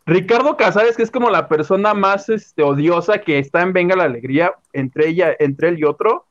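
Gossipy high-pitched Mexican man. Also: animated, muffled recording. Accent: Mexican Spanish. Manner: gossipy, dramatic, rapid. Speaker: show co-host. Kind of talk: casual chat.

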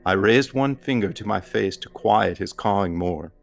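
Gravelly-voiced man reciting comic verse. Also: lowish voice, normal speed. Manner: rhythmic, dry recitation. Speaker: poet and podcast narrator.

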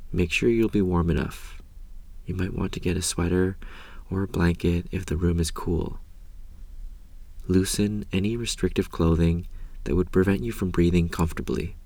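A man leading a guided meditation in a calm, gentle, measured way, with a soft voice that turns breathy at the ends of phrases. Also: low voice, dry recording. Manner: calm, gentle, measured delivery with long pauses. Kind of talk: slow guided meditation narration.

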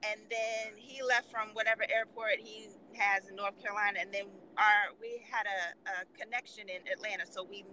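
A woman's voice: medium pitch, moderate pace, hardly any pauses, a little hiss or hum, rough recording. A woman guest, an author, telling funny stories in casual chat and acting out the people in them. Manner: animated storyteller acting out quoted voices.

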